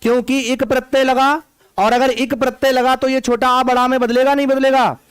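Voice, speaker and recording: Man, Hindi teacher, exam-prep lesson, keeps quizzing students, high clear voice, dry close sound. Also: flat delivery, moderate pace, no echo. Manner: repetitive, drilling with questions to students.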